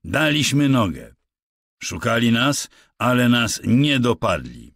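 A man doing a gruff, exasperated ranch hand. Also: medium pitch, very animated, slow pace, a bit bright, dry recording, studio quality, pitched above the performer's own voice, full character voice. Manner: exasperated, blunt and slangy.

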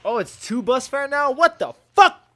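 A man hosting a gaming channel, chatting casually and swearing excitedly during play, his voice a bit hoarse from yelling. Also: very high voice, normal speed. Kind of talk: casual gameplay chat.

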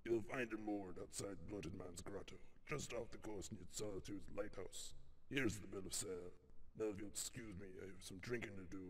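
Gruff old fisherman-like sea captain, pirate accent, hearty, lowish voice, game dialogue, long reverb. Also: normal speed. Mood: pleased, gruff. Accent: stage pirate. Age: older. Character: gruff old male pirate seadog selling his ship. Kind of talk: scripted video game character dialogue.

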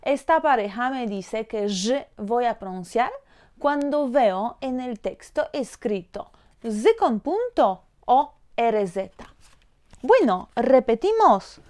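A woman teaching pronunciation, saying each word slowly and several times over. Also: fairly high pitch, lively intonation, a little mellow. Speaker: language teacher. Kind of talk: slow pronunciation lesson.

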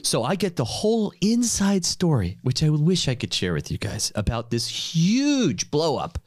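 A man's voice: a little high, measured pace, no room sound, studio quality. A man hosting a podcast, telling a story with acted-out quotes and casual swearing. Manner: animated storyteller acting out quotes, swears freely. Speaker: podcast host.

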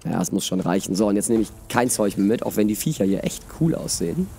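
A man's voice: fairly low pitch, animated, quick pace, creaky, warm tone. A man playing a fantasy game, reading a story aloud and chatting casually about his gameplay. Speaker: let's player.

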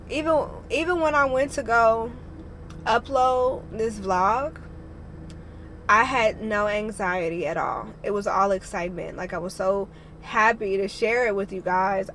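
A woman's voice: mid-range voice, a bit bright, slight background noise. A woman in her thirties talking casually to camera, rambling and swearing, a little tearful, filming in a car and a parking lot on a camera mic. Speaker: vlogger. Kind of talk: casual vlog talk. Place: parked car, then outdoor parking lot.

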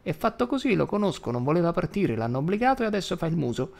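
Man doing a fiery old grandmother for an audiobook, high and shrill, scolding, easily flares into shouting. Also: very animated, quick pace, gravelly. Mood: petulant.

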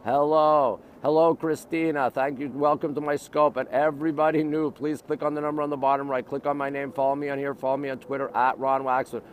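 A middle-aged Montreal man with a North American accent live-streams city sights from an urban riverside, chatting in short, repetitive, exclamatory bursts. His mid-range voice is brisk with little pitch movement and few pauses. The audio is narrow and tinny with a slight hiss or hum.

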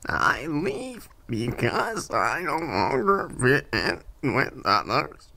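Brief: robotic synthetic voice for a male actor as a polite outcast creature in a game, gravelly and bright, hard to understand. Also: medium pitch, very animated, slow, heavily acted. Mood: stilted. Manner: stilted, odd formal phrasing.

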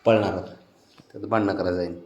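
Speaking in a low, slightly mellow voice, a man chats casually with his pet cat in baby-talk. He coaxes and teases it, repeats his questions, and chuckles often.

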